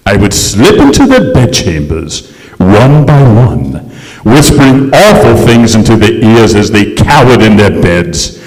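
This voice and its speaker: Pompous ghost lord, played by a man: archaic, melodramatic, unhurried, old radio drama in a reverberant hall. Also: fairly low pitch, big pitch swings, a little mellow. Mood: wounded, solemn. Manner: grandiose, archaic, melodramatic delivery. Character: pompous, theatrical, easily flustered male English aristocrat ghost. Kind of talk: old time radio stage acting. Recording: echoey hall, live stage performance.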